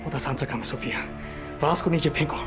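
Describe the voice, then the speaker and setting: A man's voice: fairly high pitch, fast talker, over music, lightly acted. A man playing a bitter paralysed ex-magician. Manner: angry, pleading, sarcastic outbursts. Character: bedridden paralysed male ex-magician, bitter and sarcastic. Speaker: radio jockey.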